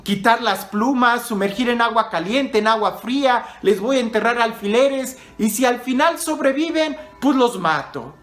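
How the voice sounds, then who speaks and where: A man voicing a cruel, cocky boy who carries caged birds, in a raised, drawn-out storyteller voice. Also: very high voice, fairly bright tone, faint music behind. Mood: boastful.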